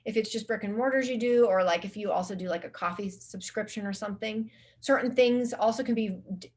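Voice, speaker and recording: A woman chatting as a guest in an interview, talking at an ordinary mid-range pitch. She rambles along with frequent restarts and fillers. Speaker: guest social media marketing specialist. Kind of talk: casual conversational interview.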